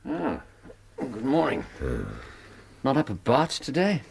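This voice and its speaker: An actor in a radio drama playing an amiable, curious army doctor who is conversational, questioning and a bit sceptical. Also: male voice, medium pitch, sing-song, slow, vocal fry, heavy background noise, heavily acted. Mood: casual.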